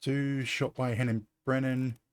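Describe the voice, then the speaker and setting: A man's voice: medium pitch, level tone, a little slow, smooth. A man streaming a mystery game, thinking aloud in a hesitant, self-correcting way. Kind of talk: casual gameplay commentary.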